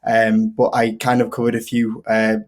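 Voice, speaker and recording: A man's voice: on the low side, completely flat delivery, moderate pace. A man from northern England with a Yorkshire accent, chatting informally as a guest in a casual interview. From Leeds, Yorkshire, UK. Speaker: investing video creator, guest.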